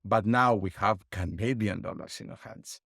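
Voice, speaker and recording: This middle-aged interview guest, a board game publisher from Greece, has a fairly low, creaky voice that is a bit bright, at a normal speed. He breaks costs down step by step, explaining through worked numbers and lessons with a wry laugh. The dry close mic captures no room sound.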